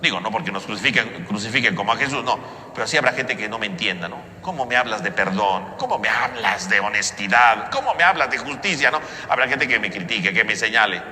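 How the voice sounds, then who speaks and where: Male priest, piercing bright tone, booming cathedral echo with long reverb. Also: fairly quick. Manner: preaching with frequent "¿verdad?" tags. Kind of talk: homily and prayers at Mass. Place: large church. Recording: echoey church with long reverb.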